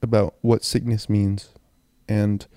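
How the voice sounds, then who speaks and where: A young man with a phlegmy, sick throat rambles in a low-key way as he hosts a casual solo podcast into a close handheld mic. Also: level tone, takes it slowly, dark tone, no room sound. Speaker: podcast host. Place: in bed, indoors. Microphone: handheld mic and audio recorder, close.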